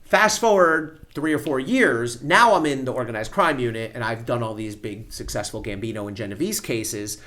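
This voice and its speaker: A man with a bright, forceful voice tells courtroom stories in a relaxed interview. He speaks plainly and vividly, with a steady middle pitch. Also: moderate pace, hardly any pauses. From United States. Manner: vivid storyteller, plain-spoken. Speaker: former federal prosecutor, guest. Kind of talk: storytelling in a podcast interview.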